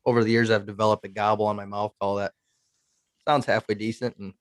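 A young man in his twenties talks on a video call. He tells stories in a relaxed, rambling way, and the recording is dry and close, with no room sound. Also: lowish voice, fast talker, no echo. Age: 20s. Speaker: guest turkey caller. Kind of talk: casual chat.

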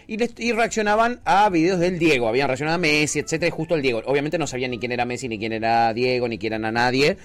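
A man's voice: mid-range voice, quick pace, hardly any pauses. A man with an Argentine accent hosting a casual talk show, joking and reading out chat comments. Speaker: host.

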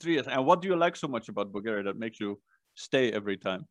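A man from the Netherlands hosting a podcast, speaking slowly and deliberately, joking easily with his guest. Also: fairly low pitch, expressive, no room sound. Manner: slow and deliberate when introducing, loose and joking in chat. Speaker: podcast host. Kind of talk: casual interview chat.

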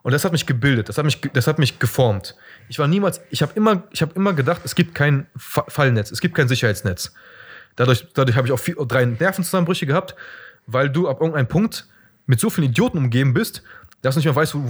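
A man's voice: medium pitch, lively intonation, quick pace, breathy edge. A young man talking bluntly and crudely in a casual podcast chat, ranting about people he knows.

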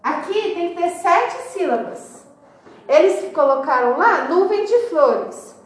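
A woman's voice: very high-pitched, expressive, slow pace, far from the mic. A woman teaching a class, explaining step by step and counting syllables aloud. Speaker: schoolteacher. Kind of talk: classroom instruction. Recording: echoey room, recorded from afar.

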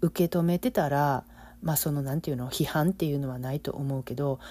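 A middle-aged woman with an Osaka accent, speaking reflectively in a casual monologue, with lots of fillers and soft laughs. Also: low voice, dry recording. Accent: Osaka Kansai Japanese. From Osaka, Japan. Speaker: business coach, podcast host.

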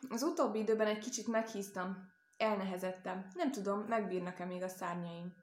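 A woman's voice: medium pitch, fairly even intonation, reverberant, natural voice. A woman voicing a plump, fussy mother goose in a storybook reading, chatty and bustling. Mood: fussing.

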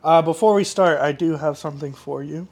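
A man hosting a podcast, asking questions in a relaxed, rambling way and leaning on "like" as a filler. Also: a little high, a little fast. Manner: laid-back, rambling, heavy use of "like". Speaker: podcast host. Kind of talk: casual interview chat.

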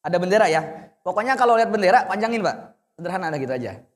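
High-voiced male Quran teacher, reverberant room. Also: sing-song, racing. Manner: patient, corrective, demonstrates then explains. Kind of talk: teaching Quran reading to adults.

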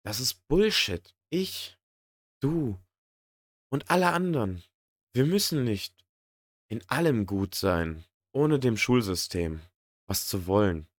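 A man's voice: mid-range voice, big pitch swings, takes it slowly, pauses often, no room sound. A man in a motivational monologue who speaks earnestly and directly to the listener. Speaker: podcast host.

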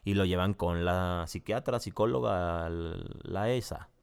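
A man's voice: sits low, slow pace, gravelly, clean tone. A man with a Mexican accent giving a casual, profane, rambling spoken review full of slang and restarts. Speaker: video reviewer.

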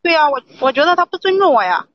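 A woman's voice: high voice, animated, quick pace, dry recording, lo-fi sound. A woman caller on a livestream advice show, insistently complaining that she was not respected, often repeating herself.

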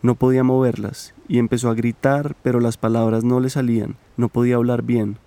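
A man narrating a documentary podcast from a script, in a measured, even way. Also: medium pitch, no room sound.

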